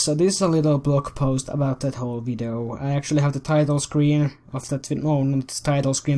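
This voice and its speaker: A man's voice: medium pitch, mellow. A man hosting a commentary video, ranting in a heated, profane and rambling way.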